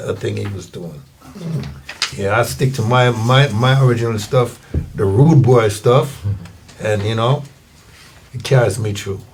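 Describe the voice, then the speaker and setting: Older Jamaican man, guest singer, laid-back and rambling, mid-pitched voice. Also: slight background noise. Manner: relaxed, rambling storytelling. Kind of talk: casual interview.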